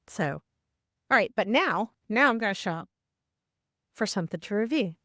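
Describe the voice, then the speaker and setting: A woman's voice: mid-range voice, expressive, normal speed, pushed and bright, no room sound, studio quality. A woman hosting a casual travel vlog, chatty and upbeat, talking straight to her viewers, with some scripted voice-over. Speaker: vlog host.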